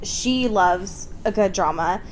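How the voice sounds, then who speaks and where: On a comedic book podcast, a young female co-host speaks slowly in a mid-range voice over poor audio. Exasperated and foul-mouthed, she keeps mock-quoting things, and background noise comes through clearly.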